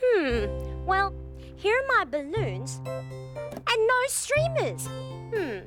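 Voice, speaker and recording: A young woman presents a children's show in a very high, swooping voice. Her delivery is playful and unhurried, full of exaggerated exclamations. Music plays prominently behind her. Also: wildly swooping pitch. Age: young adult. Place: TV studio kitchen set.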